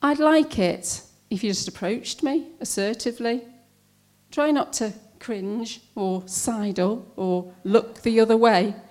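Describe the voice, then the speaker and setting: A woman's voice: on the high side, slow, a little mellow. A woman performing a spoken-word poem with a wry, pointed delivery. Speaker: poet.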